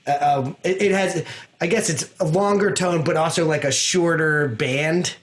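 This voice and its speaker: A man's voice: a little high, moderate pace. Rambling man explaining guitar effects. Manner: rambling explanations with many restarts and fillers. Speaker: music teacher. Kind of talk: casual online guitar lesson.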